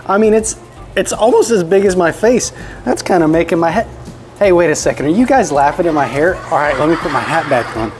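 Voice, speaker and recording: A man hosting a kids' show on a bakery tour, excitable and talking straight to the viewers. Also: on the high side, a little fast, slight background noise. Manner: excitable, exclaims often, talks straight to the viewers. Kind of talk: upbeat presenting to kids. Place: indoor bakery and commercial kitchen.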